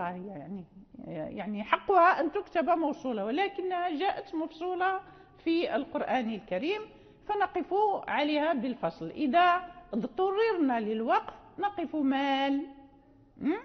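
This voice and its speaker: A woman teaching Quran recitation rules in a classroom lecture, explaining patiently with frequent fillers. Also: sits high. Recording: dull lo-fi recording in a reverberant hall.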